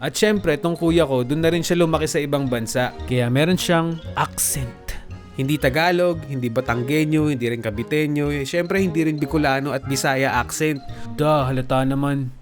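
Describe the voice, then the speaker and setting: A young man from the Philippines narrating a comedic storytime for an animated video, with playful jokey asides to viewers. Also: fairly high pitch, normal speed. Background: background music.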